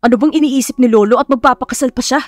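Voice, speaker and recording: A woman's voice: high-pitched, very fast, no echo, faint music behind, close to an everyday voice. A woman voicing a curt, short-tempered young rich man in an audio story. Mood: angry. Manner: curt, irritated, mixes English phrases.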